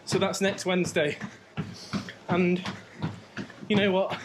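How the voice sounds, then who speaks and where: Guy doing a casual vlog while running on his treadmill, kinda high voice, noisy background. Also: little pitch movement, slow pace. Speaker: vlogger. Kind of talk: casual chat to camera. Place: indoors at home, on a treadmill. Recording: clear background noise of treadmill, clicks.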